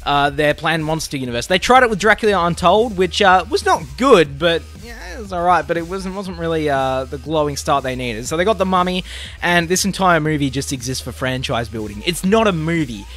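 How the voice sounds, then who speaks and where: A man's voice: fairly high pitch, lively intonation, fairly quick, fairly bright tone. A young Australian man ranting casually about bad movies, sarcastic and exasperated, swearing often. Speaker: movie reviewer.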